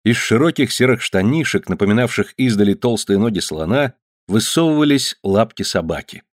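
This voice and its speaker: A man reading a novel aloud as narrator, in a measured storytelling way. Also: fairly low pitch, animated, dry recording, clean studio sound. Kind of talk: audiobook reading.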